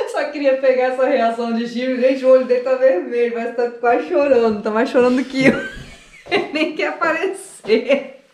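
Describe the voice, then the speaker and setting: A woman vlogger talks casually to camera, chatty and giggly as she shows off the result, moving from a barbershop to her home. Her voice sits high and is animated, unhurried and darkish in tone. Others hold the phone camera, and the room is echoey with faint background noise.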